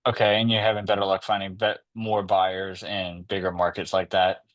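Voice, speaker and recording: A man hosts a podcast in a low, relaxed voice, easygoing and loose with his words. He keeps it conversational, asking his guest questions over a video call. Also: normal speed. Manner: relaxed, conversational, drawling "kinda" and "y'all". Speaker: podcast host. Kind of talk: casual podcast interview.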